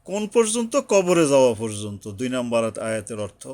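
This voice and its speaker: A man's voice: medium pitch, sing-song, fairly quick, darkish tone, no echo. A man teaching tajweed, patiently explaining letters and pronunciation, repeating his points and breaking into chanted recitation. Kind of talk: slow tajweed lesson with Bengali explanation.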